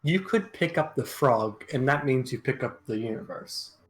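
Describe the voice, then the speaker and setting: A man's voice: mid-range voice, lively intonation, normal speed, faint music behind. A man chatting casually on a group voice call, making dry, offhand jokes.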